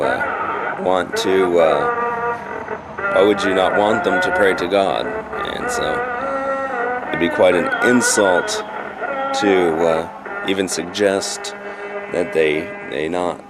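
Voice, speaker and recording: A man from the United States casually narrating a school trip video, halting with many fillers and restarts. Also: low voice, poor audio.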